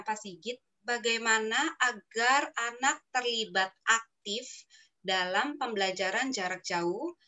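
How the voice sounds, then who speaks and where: A woman's voice: medium pitch, pushed and bright. A woman moderating a webinar, politely reading out questions from parents.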